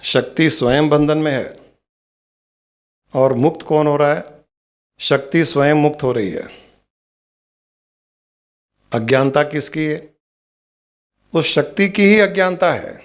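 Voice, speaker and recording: A man giving a slow, measured spiritual discourse, posing questions and answering them himself. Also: fairly high pitch. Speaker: spiritual teacher.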